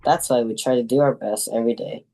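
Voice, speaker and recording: A man's voice: medium pitch, steady tone, quick pace, dark tone. A young man reading a prepared talk as a student presenter in a class.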